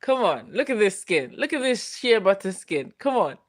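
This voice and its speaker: A Ghanaian woman in her twenties hosts a casual livestream, playfully teasing as she reads viewer comments aloud and laughs often. Her mid-range voice is very animated and moves at a moderate pace.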